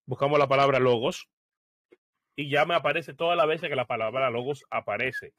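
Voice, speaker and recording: A man walks viewers through searching Bible software in a relaxed screen-share tutorial. He explains each step as he goes and often pauses on fillers while he thinks aloud. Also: medium pitch, no echo.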